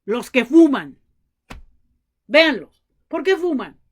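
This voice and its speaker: A woman's voice: high-pitched, big pitch swings, slow pace. A woman preaching a sermon to a congregation, telling family stories and acting out the dialogue. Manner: addresses the congregation as brothers, acts out family dialogue.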